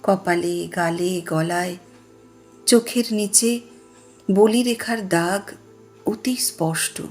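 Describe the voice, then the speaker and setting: A woman reading a story aloud in an unhurried, tender narration. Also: on the low side, faint music behind. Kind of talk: audiobook narration.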